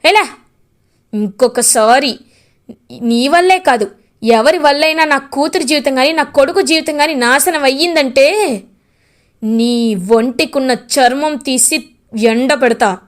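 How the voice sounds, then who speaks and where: A fierce, domineering mother-in-law, put on by a woman narrator, shouting threats and scolding harshly. The voice sits high and strained, pushed up into loud, angry bursts. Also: measured pace, pauses often. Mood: menacing.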